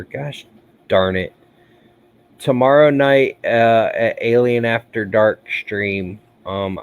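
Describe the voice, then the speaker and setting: A tired man hosting a casual livestream, chatting loosely with a regular viewer and sighing between thoughts. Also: fairly low pitch. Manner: relaxed, rambling, sighs often. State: tired, yawning. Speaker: livestream host.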